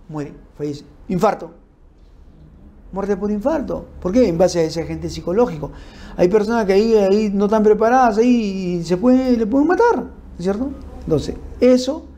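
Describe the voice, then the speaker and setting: A man giving an informal law lecture, explaining through lists and examples and checking in with his listeners with quick tag questions. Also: high voice, warm tone. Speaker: criminal law instructor. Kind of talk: informal lecture on forensic principles.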